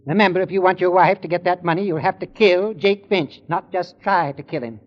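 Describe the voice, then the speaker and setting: A cold, controlling uncle, played by a man in a 1940s radio drama, issuing clipped orders. His voice sits a little high and trails into long reverb. The old broadcast sounds dull. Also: a little fast, natural voice. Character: cold, scheming middle-aged uncle.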